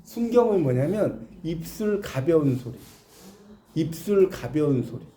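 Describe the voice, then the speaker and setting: A man's voice: a little high, animated, measured pace, dark tone. A man giving a classroom lecture, explaining with examples and asking his students questions. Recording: echoey classroom.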